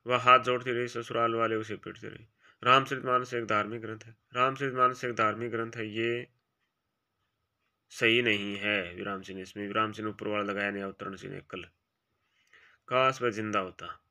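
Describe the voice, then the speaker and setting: A man teaching an exam-prep grammar lesson, reading each quiz option aloud and then briefly marking it right or wrong in quieter, lower asides. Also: fairly even intonation, normal speed.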